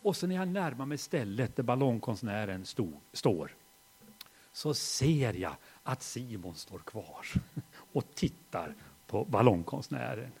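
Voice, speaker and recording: Husky-voiced middle-aged pastor, animated and pitch-lively in a sermon. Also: male voice. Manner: dynamic, swings from hushed to loud storytelling. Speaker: preacher. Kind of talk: sermon with personal story.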